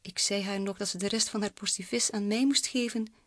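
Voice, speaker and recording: A cheeky young male bat, voiced by a woman reading the story, with a matter-of-fact tone. Her voice stays husky and close. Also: medium pitch, steady tone, brisk, a bit bright, no echo, close to an everyday voice. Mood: smug.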